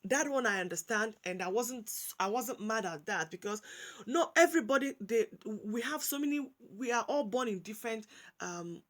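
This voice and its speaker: High-voiced and moving at a moderate pace, this Nigerian commentary vlogger talks in a lively, casual way. Her speech slides from English into Pidgin and back, full of restarts and repeated words.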